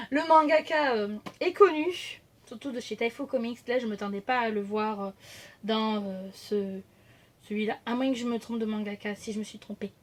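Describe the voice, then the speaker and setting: Une jeune femme vloggeuse qui bavarde avec beaucoup d'hésitations et d'autocorrections, filmée au téléphone. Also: female voice, a little high. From France. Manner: chatty, hesitant, many fillers and self-corrections. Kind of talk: casual chat. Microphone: phone camera.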